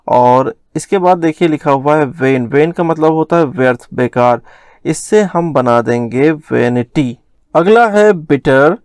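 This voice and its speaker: A young man teaching grammar in a recorded lesson, slowly spelling out words letter by letter. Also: a little high, a little mellow, clear, resonant tone, no room sound, studio quality.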